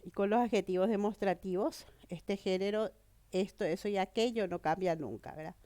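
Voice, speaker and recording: A woman with a cold teaches a grammar lesson in a mellow, mid-range voice at a moderate pace, with no echo. She explains things step by step and keeps checking that students follow, tossing in "¿verdad?" and "¿mm?".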